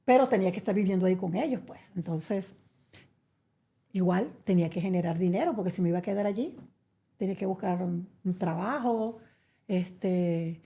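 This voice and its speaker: A woman's voice: on the low side, moderate pace, dark tone. A middle-aged woman from Venezuela, telling her story as a guest in a chatty interview, with many fillers. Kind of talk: conversational interview.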